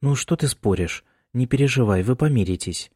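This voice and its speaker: A man's voice: mid-range voice, expressive, moderate pace, a little mellow, slightly rough, dry recording, studio quality, voice pushed up. A male narrator voicing a worried middle-aged mother who keeps fussing over her son in an audiobook. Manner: anxious, insistent and fussing.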